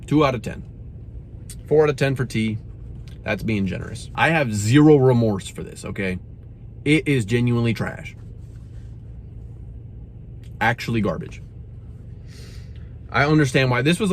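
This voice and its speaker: A man's voice: medium pitch, slight background noise. A young man reviewing a drink in a casual, exasperated rant, saying "bro" often. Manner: animated, exasperated, says "bro" a lot.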